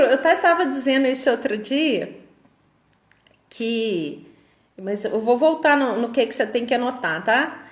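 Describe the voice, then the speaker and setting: A woman delivers a motivational self-help talk straight to her viewers. Her voice sits a little high, and she presses her points hard, stretching key phrases out slowly. The room rings with a noticeable echo. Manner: emphatic, tells listeners to take notes. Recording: roomy echo.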